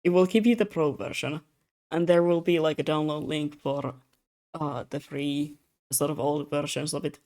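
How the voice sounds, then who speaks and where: A young adult streamer whose first language is Russian draws commissions and chats loosely into a streaming mic. Tired and slightly slurring, the mid-pitched voice has a darkish tone, fairly even intonation and normal speed. The talk rambles and gets self-mocking, with frequent laughter.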